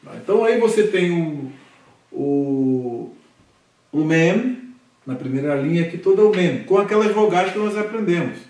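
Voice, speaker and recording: A man's voice: sits high, animated, normal speed, a little mellow. A Brazilian man teaching a Hebrew literacy class, patiently drilling syllables aloud and checking in with his students. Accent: Brazilian Portuguese. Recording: echoey room recorded from a distance.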